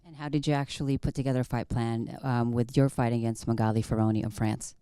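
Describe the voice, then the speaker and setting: A woman's voice: a bass voice, level tone, fast, warm tone, clear, resonant tone, no echo. A woman working as a sports reporter, asking prepared questions in a broadcast interview style.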